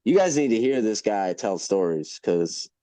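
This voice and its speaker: Rambling profane man with a dark voice. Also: fairly low pitch, very animated, normal speed, dry recording. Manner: rambling, profane, emphatic storyteller. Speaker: podcast host. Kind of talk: casual podcast chat.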